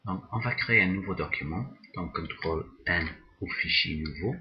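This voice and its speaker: In a screen-recorded tutorial on drawing software, a low-pitched man with a non-native English accent works slowly and haltingly, repeating words as he goes. The audio sounds dull.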